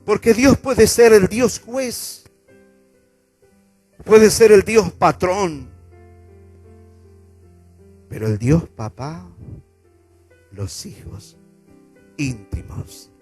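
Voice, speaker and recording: Argentine pastor, man, call-and-response sermon, fairly high voice, soft music behind. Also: expressive, extremely slow, long pauses, slightly rough, no echo. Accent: Argentine Spanish. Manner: call-and-response preaching, repeating phrases for the congregation. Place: church auditorium.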